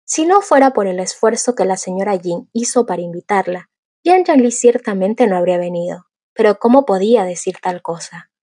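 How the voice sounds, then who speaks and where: A woman reads a fantasy novel aloud as an audiobook, telling the story at a steady, even pace. Her voice is mid-pitched with a husky, breathy grain. The sound is dry and close, with no room around it. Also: normal speed, no room sound. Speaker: audiobook narrator. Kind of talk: audiobook narration.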